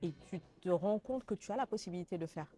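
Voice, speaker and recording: Woman from Senegal, thirties, interview testimonial, earnest, hesitant, lowish pitch. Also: expressive, fast talker, mellow. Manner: hesitant, many fillers and restarts, earnest.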